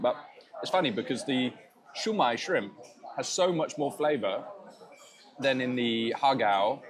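Chatty man on a food vlog. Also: medium pitch. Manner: chatty, enthusiastic, laughs at himself. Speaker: food vlogger. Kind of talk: casual food tasting narration. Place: restaurant and bakery in Thailand.

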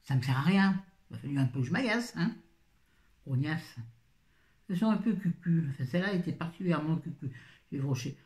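A woman's voice: sits low, lively intonation, fast talker, a little mellow. A woman beauty vlogger chatting casually through a product haul, with wry asides and frequent fillers. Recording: echoey room.

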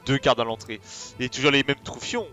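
A man giving casual, excitable commentary on a video game, rambling with slang and many fillers. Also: mid-range voice, a little fast, faint music behind. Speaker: let's play host.

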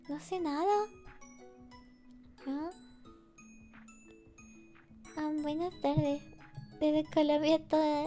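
A woman streams a cozy, casual chat, her voice sitting extremely high and cutesy. She talks slowly and softly, giggling and sounding half asleep. Faint music plays under her voice. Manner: cutesy, giggly, sleepy and soft-spoken. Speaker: VTuber streamer. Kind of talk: relaxed casual chat with viewers.

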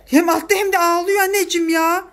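A woman's voice: extremely high pitch, flat delivery, brisk, a bit bright. A young woman filming her children at home, soothing and coaxing them with frequent gasps of surprise. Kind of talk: casual family home video. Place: family home, near a balcony. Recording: noisy home phone recording.

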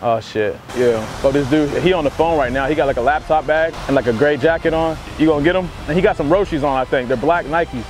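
Speaking with a fairly high-pitched voice, a young American man rattles along quickly with few pauses. He's the host of a hidden-camera show, pranking people with a casual fake phone call on an outdoor campus walkway, and his language is slangy and profane.

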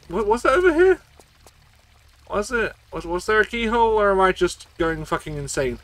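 A man's voice: high-pitched, bright, forceful tone, no echo. A man streaming a video game, swearing and rambling as he gets tipsy from shots. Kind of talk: casual gameplay commentary.

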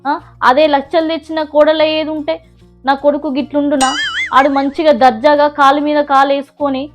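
A woman playing a nagging, sharp-tongued old mother-in-law with a Telangana Telugu accent, taunting and scolding in a comedy skit. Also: sits high, level tone, muffled recording, natural voice. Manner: taunting, scolding, drawn-out calls. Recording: background music.

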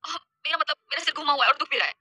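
A woman's voice: high voice, expressive, rapid-fire, sharp tone, no room sound, pitched above the performer's own voice, exaggerated voice. A woman voicing an impulsive lovestruck young man who stammers and pleads. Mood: hesitant.

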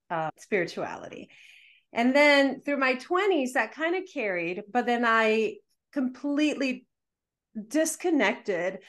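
Animated woman in her forties. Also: mid-range voice. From Dominican Republic. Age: 40s. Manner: animated, reflective storyteller. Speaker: guest. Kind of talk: conversational storytelling. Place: home living room. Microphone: video call.

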